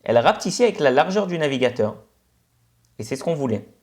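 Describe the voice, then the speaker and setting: A man with a Senegalese French accent teaching a web coding lesson over a screencast, in a relaxed explanatory way full of "ok" and "euh" fillers. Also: mid-range voice, quick pace. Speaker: instructor.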